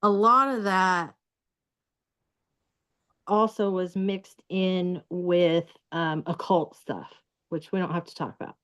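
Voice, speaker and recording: A woman talking casually as a guest, halting with many fillers and restarts. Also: on the low side, fairly even intonation, a bit bright, clear, resonant tone. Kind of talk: casual recorded conversation.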